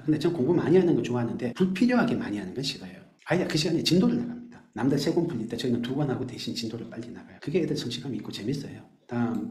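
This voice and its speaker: A man teacher explaining his math classes to parents, animated, acting out quick scenes of teachers and students. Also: medium pitch, reverberant, slight background noise.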